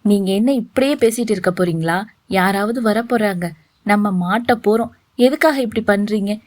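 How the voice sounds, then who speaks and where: A woman's voice: medium pitch, moderate pace, darkish tone, no room sound, close to an everyday voice. A woman voicing a flustered young woman who scolds and pleads, read as part of a story. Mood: indignant. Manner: indignant, pleading.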